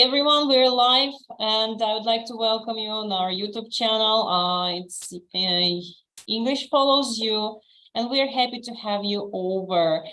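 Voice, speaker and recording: A woman's voice: fairly high pitch, bright, forceful tone, low-quality recording. Woman raised in Russia, online class host on a video call, friendly and instructive, filler-heavy. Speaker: host and English teacher. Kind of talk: live online class hosting.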